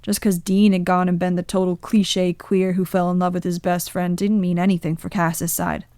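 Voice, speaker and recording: Female podfic narrator, gentle and measured; lowish, dry close recording. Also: little pitch movement, clean tone, no room sound. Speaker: podfic reader. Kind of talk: scripted narration.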